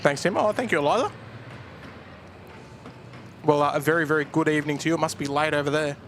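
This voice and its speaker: A man's voice: on the high side, completely flat delivery, racing, a bit bright, slight background noise. A man hosting a plane-spotting livestream with casual, matey commentary, chatting to viewers. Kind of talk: casual live commentary and chat.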